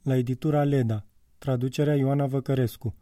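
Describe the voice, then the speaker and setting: A man narrating a literary audiobook in a measured, calm way. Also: medium pitch, no echo, studio quality, far from the mic.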